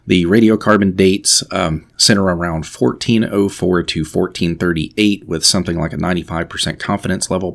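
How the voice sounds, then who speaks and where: A man's voice: sits low, creaky. A man hosting a history video, explaining at length in a digressive, opinionated way, with frequent fillers and asides. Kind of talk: explanatory monologue.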